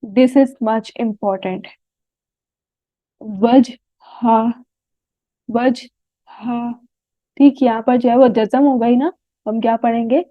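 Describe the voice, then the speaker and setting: A woman with a Pakistani Urdu accent teaching a tajweed lesson, sounding out Arabic words slowly and often checking "right?" with her students. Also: a little high, no echo. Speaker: Quran recitation teacher. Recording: tinny phone-like dry audio.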